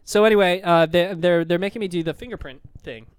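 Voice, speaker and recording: A man's voice: sits high, quick pace, clean tone, no echo. A young man telling a rambling story in casual chat, swearing freely and full of fillers. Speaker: podcast co-host.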